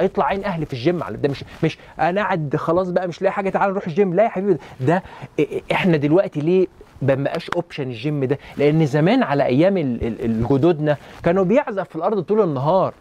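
A man's voice: fairly high pitch, expressive, warm tone, slight background noise. A man speaking in an Egyptian Arabic accent, a doctor giving urgent, repetitive health advice to listeners. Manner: fast, urgent, lecturing, repeats points, addresses listener as "habibi". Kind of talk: rapid health talk to listeners.

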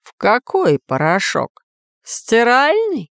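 A woman's voice: on the high side, huge pitch swings, slow pace, no echo, clean studio sound, voice pushed up, exaggerated voice. A woman voicing a stubborn, red-bearded male robber who speaks in a growl. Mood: gruff. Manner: growling, defiant.

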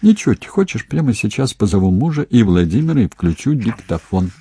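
A man's voice: lowish voice, very animated, a little fast, warm tone, husky, pitched above the performer's own voice, full character voice. A man voicing a distraught young wife who bursts out in anger, in an audiobook. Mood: indignant. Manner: agitated, outbursts. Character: distraught young wife, first-person heroine.

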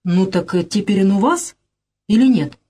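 A woman's voice: medium pitch, measured pace, dark tone, breathy edge. A woman reading the part of an older, flustered father who speaks hesitantly.

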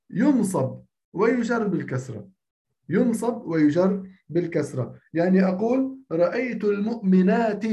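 A man teaching a grammar lesson to a class, repeating key phrases slowly and asking for questions. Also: high-pitched, warm tone, lo-fi sound.

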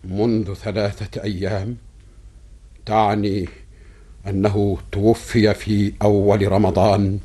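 Low, husky grave sultan. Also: male voice, flat delivery, takes it slowly, mellow. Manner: solemn, dignified. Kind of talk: historical drama in classical Arabic.

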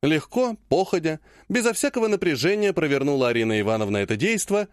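A man narrating first-person fiction in an expressive storytelling manner. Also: a little high, fast, clean tone, dry recording, studio quality. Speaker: audiobook narrator.

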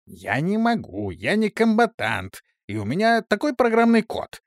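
A man playing a touchy, cocky medic robot, voice lifted above his own. He boasts in a lively, bouncing tone, and the sound is close and dry. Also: high-pitched, unhurried, dry recording, voice pushed up, exaggerated voice.

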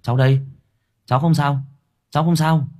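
A man's voice: a little high, steady tone, brisk, a little mellow, voice pushed up, lightly acted. Man playing a stammering, anxious young boy. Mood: relieved. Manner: stammering, urgent. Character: anxious young boy searching for his father.

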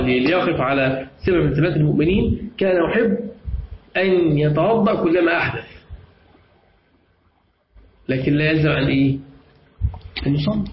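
A man with an Egyptian accent teaching a class. He explains step by step, repeats key phrases and quizzes his students. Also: fairly high pitch. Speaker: teacher of Islamic jurisprudence. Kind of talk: classroom lesson with questions to students. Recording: echoey, dull lo-fi room recording with clear noise.

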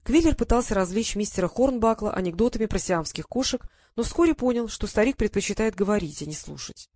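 In a clean, dry studio recording, a mid-range female voice narrates an audiobook. The scripted reading is steady and measured.

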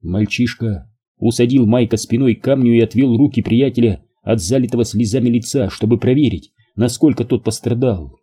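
A man narrating an audiobook in an even, measured reading. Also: mid-range voice, breathy edge.

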